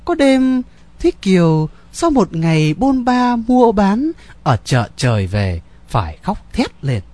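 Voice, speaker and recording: A man narrating a story in a lively, ornate storyteller manner. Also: high voice, slow pace, dry recording.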